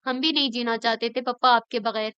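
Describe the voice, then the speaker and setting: A grieving young woman who speaks earnestly with raw feeling, as a woman narrator reads her. The voice is high and clean. It is recorded dry, with a slightly dull sound. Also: steady tone, brisk, sharp tone, clear, resonant tone, no room sound. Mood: anguished. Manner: earnest, emotional. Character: grieving young woman, hurt but forgiving. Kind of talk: audiobook reading.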